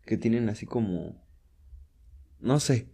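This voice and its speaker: Young Mexican guy, co-host, mellow tone, rambles and mimics voices in his stories. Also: animated, slow, creaky, breathy edge. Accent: Mexican Spanish. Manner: rambling storyteller, acts out shrill quotes. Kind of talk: casual chat.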